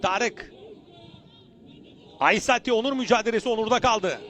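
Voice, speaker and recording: A man commentating live on a football match in short, urgent phrases, excited and shouting at the big moments. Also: sits high, normal speed.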